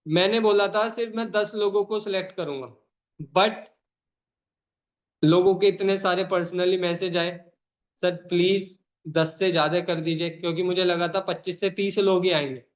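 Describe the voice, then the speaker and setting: A man hosting an online meeting over a video call, calling out names and urging people on in an emphatic, repetitive way. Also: high voice. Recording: dull lo-fi call audio.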